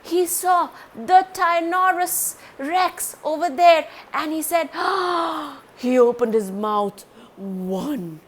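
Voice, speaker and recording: A woman reading a children's story aloud, animated and speaking directly to young listeners. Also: high-pitched, takes it slowly.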